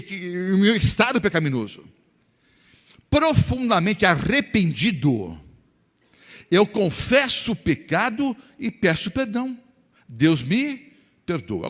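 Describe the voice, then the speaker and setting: A man's voice: high-pitched, fairly bright tone, long reverb tail. A man preaching a sermon as pastor, emphatic and full of rhetorical questions to the congregation.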